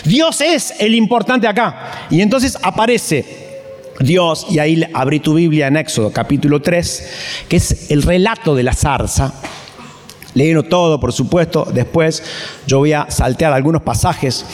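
A man's voice: fairly high pitch, unhurried, long reverb tail. A man preaching a sermon, asking emphatic rhetorical questions and reading scripture aloud.

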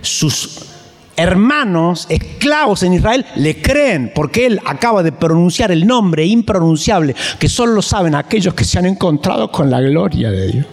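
A man's voice: high-pitched, sing-song, moderate pace, big-room sound. A man preaching a sermon, asking emphatic rhetorical questions and reading scripture aloud.

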